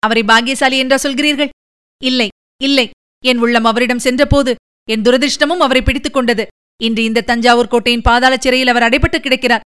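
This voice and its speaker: A woman's voice: high voice, fairly even intonation, fairly quick, a bit bright, clear, resonant tone. A woman reading the part of a grief-stricken young noblewoman in an audiobook, pleading and tearful.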